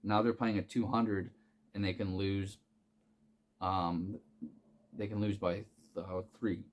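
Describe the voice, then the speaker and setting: Rambling, profane man with a low voice. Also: flat delivery, slow. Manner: rambling, profane, many fillers and restarts. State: hiccuping. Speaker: sports betting picks host. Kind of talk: casual unscripted sports betting talk.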